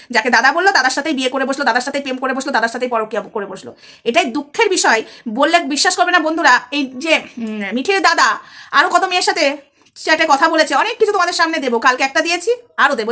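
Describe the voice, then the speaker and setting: A woman's voice: high-pitched, bright, forceful tone. A woman talking straight to her viewers in a heated commentary vlog, scolding and angry. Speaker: social media commentator.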